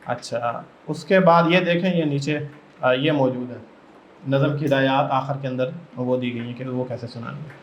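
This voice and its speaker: A man's voice: medium pitch, a little hiss or hum. A man from Pakistan training teachers in a workshop, explaining step by step and often putting questions to the room. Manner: explains step by step and keeps asking the audience questions. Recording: echoey room, dull lo-fi sound.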